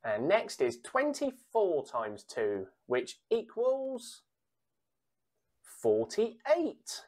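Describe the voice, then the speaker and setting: A woman calling numbers like a bingo caller for children, reading out sums, pausing before each answer and repeating digits. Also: medium pitch, huge pitch swings, darkish tone. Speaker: bingo caller for a children's times tables game.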